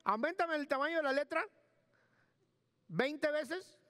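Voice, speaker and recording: A man's voice: extremely high pitch, measured pace, bright, forceful tone, no echo. A man pastor delivering an emphatic sermon in church, repeating key words and giving instructions to the sound booth.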